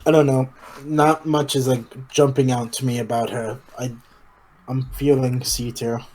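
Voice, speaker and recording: A man's voice: medium pitch, level tone, a little slow, a little mellow, rough recording. A young man chatting casually as co-host, hesitant and thinking aloud with fillers. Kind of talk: casual chat.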